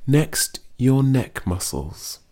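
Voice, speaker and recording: A man with a mid-range, sing-song voice reads a guided muscle relaxation script, speaking slowly and soothingly as he gently gives instructions.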